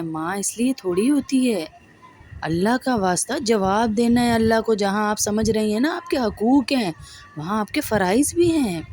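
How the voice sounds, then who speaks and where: A woman's voice: medium pitch, mellow, slight background noise. A woman with a Pakistani Urdu accent giving a religious talk to women, emphatic and scolding, often asking her listeners questions. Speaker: preacher.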